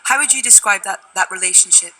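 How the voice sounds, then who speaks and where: An interviewer asking friendly, quick questions on a premiere red carpet and chiming in with short remarks. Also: mid-range voice, sharp tone, poor audio.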